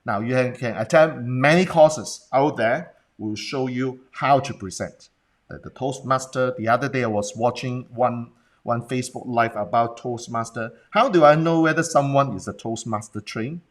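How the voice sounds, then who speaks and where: Hong kong accented guy coaching on a live stream, blunt, mid pitch, keeps asking the viewers stuff. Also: moderate pace. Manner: rhetorical questions and check-ins with the audience. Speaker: business presentation coach.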